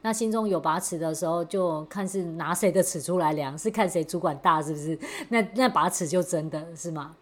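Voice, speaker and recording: A woman's voice: on the low side, a little fast, few pauses. A woman hosting a podcast, explaining points and steering the talk with rhetorical questions. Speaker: podcast host. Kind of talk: casual podcast discussion.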